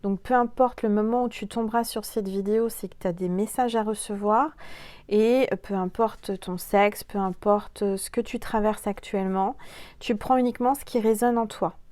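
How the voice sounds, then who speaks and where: A woman gives a relaxed spiritual card reading into her phone. She speaks to the viewer as "you" and fills her pauses with "euh" and "alors". The sound is dry and close, with almost no room around her voice. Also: medium pitch, no echo. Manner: chatty, hesitant, many fillers, addresses viewer directly. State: coughing, throat irritated. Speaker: tarot and oracle card reader.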